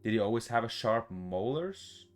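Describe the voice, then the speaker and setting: At a moderate pace and in a mid-range voice, a man voices a visual novel for a gaming video over soft background music. He's relaxed, expressive and sweary, tossing in playful comments as he goes.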